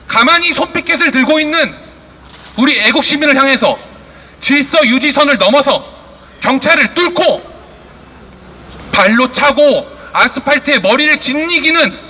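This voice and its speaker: A man giving a fiery, indignant protest speech as the moderator of a rally, accusing and throwing out rhetorical questions. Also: very high voice. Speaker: rally speaker and press conference moderator. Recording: loud public address with long reverb.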